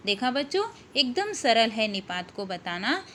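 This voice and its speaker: A woman teacher with an Indian accent giving a school grammar lesson to her students, explaining slowly and patiently and stressing key words. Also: on the high side, big pitch swings, fairly bright tone, slight background noise.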